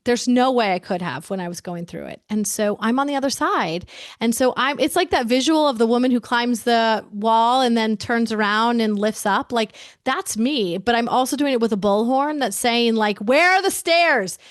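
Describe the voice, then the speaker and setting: An American woman in her forties speaks candidly as an interview guest, emphatic and chatty, often saying "like" and restarting sentences. Her voice is on the high side at a moderate pace, in a dry, studio-quality recording.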